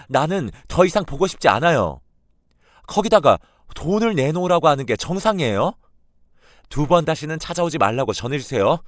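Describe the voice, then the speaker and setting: A man's voice: medium pitch, no room sound, clean studio sound, voice pushed up, close to an everyday voice. A man voicing an upset, indignant young married woman in a radio drama. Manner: pleading, then sharply indignant.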